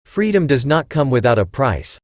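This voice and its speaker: Deep, firm male narrator, dry sound. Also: sing-song, normal speed, dry recording. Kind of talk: scripted narration of motivational quotes.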